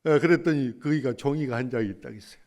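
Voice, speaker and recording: A man, a church pastor, delivering a sermon in an animated preaching manner and sometimes acting out voices in a story. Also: mid-range voice, quick pace.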